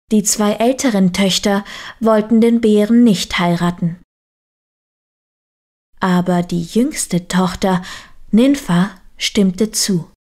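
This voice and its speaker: A woman narrating a fairy tale in a deliberate storytelling manner. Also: mid-range voice, mellow. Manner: slow, deliberate reading.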